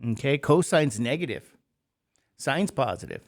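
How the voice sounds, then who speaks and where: A man teaching a math class, lecturing with quick questions to the students that he answers himself. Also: medium pitch, very animated.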